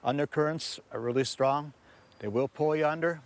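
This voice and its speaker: A man's voice: on the high side, normal speed. A local man giving earnest, plain warnings in a short street interview.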